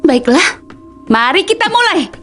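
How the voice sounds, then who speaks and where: A woman's voice: very high-pitched, big pitch swings, a little slow, a bit bright, soft background music, full character voice. A woman dubbing an earnest, loyal young team member in a superhero film. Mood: determined. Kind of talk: dubbed superhero film acting.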